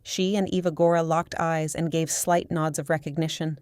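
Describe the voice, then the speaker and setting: A woman narrating a first-person audiobook in a steady, measured storytelling manner. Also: deep voice, clean tone, dry recording, clean studio sound.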